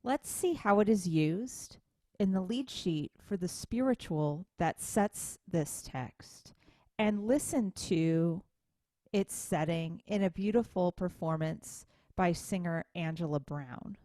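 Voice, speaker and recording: A woman music instructor giving a recorded lecture, explaining things in a measured, step-by-step way. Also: lowish voice, warm tone, no echo.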